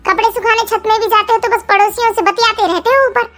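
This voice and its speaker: A woman doing a very high, sharp-tongued young bride. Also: steady tone, fast talker, faint music behind. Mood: defiant. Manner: defiant, quarrelsome. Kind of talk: cartoon family drama voice acting.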